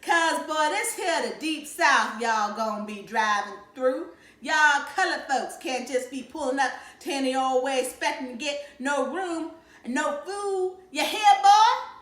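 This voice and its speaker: A woman voicing a father who jokingly puts on a loud, mocking Southern hillbilly accent. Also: lively intonation, unhurried. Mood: mock-stern. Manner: teasing, booming drawl. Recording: roomy echo.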